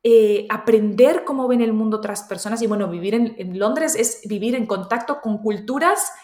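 A woman's voice: on the high side, normal speed, a little mellow. Roomy-sounding woman with mixed Colombian-Spanish accent. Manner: reflective, thinks aloud with frequent restarts. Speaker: interview guest. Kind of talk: conversational interview.

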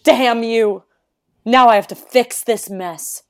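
A woman's voice: on the high side, slow. A woman playing a controlling female spy, speaking in a cutting, reproachful way. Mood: angry.

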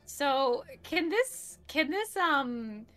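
A bubbly woman playing a tabletop game, often giggling as she narrates her character's actions. Her voice is bright and sits a little high. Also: very animated, drawn-out words. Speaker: player.

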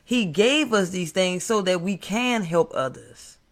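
A man's voice: high-pitched, expressive, measured pace. An American man preaching an impromptu, fiery sermon in the manner of a doomsday street preacher, emphatic, repeating phrases and addressing listeners directly.

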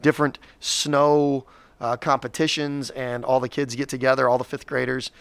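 A man's voice: medium pitch, little pitch movement, normal speed, vocal fry, clear, resonant tone, no echo. A man in his forties co-hosting a local school podcast, talking casually and rambling, with frequent restarts. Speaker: school district podcast co-host. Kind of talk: casual chat.

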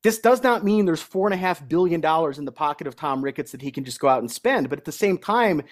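A man's voice: on the high side, expressive, quick pace. A man co-hosting a casual sports podcast, ranting in a heated, indignant way. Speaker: podcast co-host.

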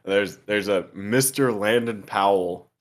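A man's voice: fairly low pitch, slow. Laid-back swearing young man. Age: 20s. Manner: laid-back, swears a lot, laughs often. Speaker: podcast co-host. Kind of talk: casual chat. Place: home, eating pizza.

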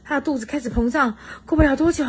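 A woman reading a children's storybook aloud at home to a child, very expressive and stopping to chat with the child. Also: sits high, fast. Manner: expressive, swoops up for excitement, chats with the child.

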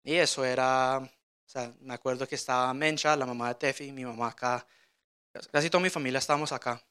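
Male guest preacher, bright tense voice, halting, repeats and restarts phrases as he speaks. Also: mid-range voice, steady tone, clear, resonant tone. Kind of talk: personal testimony sermon.

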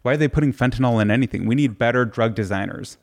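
A man's voice: medium pitch, fast talker. A man hosting a podcast in casual, musing conversation, joking and swearing freely. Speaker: podcast host.

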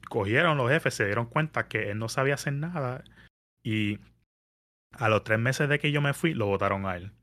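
A man, telling a story in casual podcast chat, animated and mixing in English words. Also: mid-range voice, normal speed. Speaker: podcast guest. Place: New York area.

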